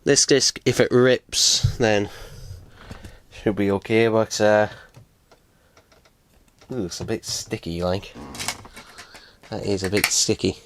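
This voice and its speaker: A man's voice: fairly low pitch, fairly even intonation, takes it slowly, long pauses, slight background noise. A man casually unboxing items at home, rambling with many fillers and casual swearing, sore after a fall. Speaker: unboxing vlogger. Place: small room at home. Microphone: close desk microphone.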